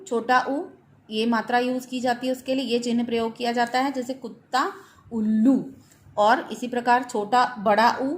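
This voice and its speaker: A woman's voice: fairly high pitch, a little hiss or hum. A woman teacher with an Indian accent giving an online school lesson, explaining step by step and mixing in English words.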